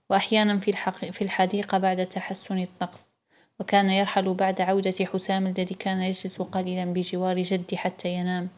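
A woman's voice: fairly low pitch, a little mellow, lightly acted. Woman voicing a tired pregnant young woman.

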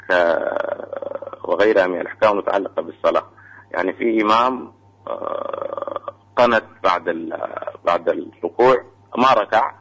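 A man calling in to a radio show, asking a religious question about prayer, hesitant with many pauses and fillers. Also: low-pitched, rough recording. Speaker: caller.

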